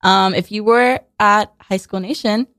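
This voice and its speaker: A woman in her twenties chatting as a guest in a radio studio interview, sarcastic and quick to laugh, with lots of "like" fillers. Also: mid-range voice, steady tone, a bit bright, no room sound. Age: 20s. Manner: chatty and sarcastic, laughs often, heavy use of "like". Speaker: guest musician. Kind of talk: casual interview chat. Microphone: studio mic.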